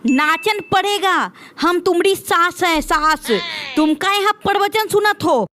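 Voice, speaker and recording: A woman's voice: very high voice, measured pace, slight background noise, full character voice. A woman voicing a bossy, scolding older mother-in-law in a cartoon, talking in a taunting, rustic way. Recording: cartoon dub with loud music behind.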